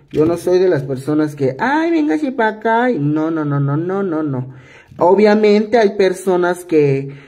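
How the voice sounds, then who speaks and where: Slow, husky-voiced man with a cough. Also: a little high, mellow. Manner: patient, repetitive step-by-step instructing. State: hoarse from a cough. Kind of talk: hands-on craft tutorial.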